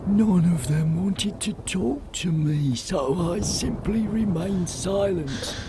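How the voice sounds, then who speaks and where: An actor playing an ancient, drowsy, kindly tree creature in a fantasy game, with a mellow, drawn-out, anxious manner. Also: male voice. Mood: grateful, relieved. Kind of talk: game character acting. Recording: storm ambience and rumbling noise behind.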